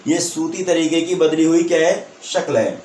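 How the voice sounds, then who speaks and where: A man's voice: fairly high pitch, a little mellow, a little hiss or hum. A man teaching an online Urdu lesson for exam prep, who repeats each point as a question, answers it, and checks that students follow. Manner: checks understanding with a tag question. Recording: echoey room, voice from a distance.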